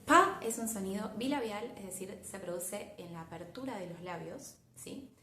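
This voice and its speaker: Young Argentine female language teacher, clear and emphatic, slightly gravelly, roomy echoey sound. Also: mid-range voice, moderate pace, sharp tone, a little hiss or hum. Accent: Argentine Spanish. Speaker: English pronunciation teacher. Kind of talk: online lesson.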